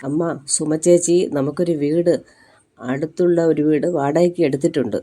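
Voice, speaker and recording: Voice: medium pitch, normal speed, warm tone, lightly acted. A storyteller voicing a worried young wife in a spoken story, with a pleading manner.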